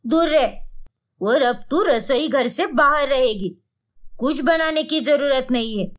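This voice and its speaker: A woman's voice: sits high, slow. A woman voicing a strict, traditional mother-in-law who gives orders and scolds in a cartoon story. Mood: scolding. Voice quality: scolding, commanding.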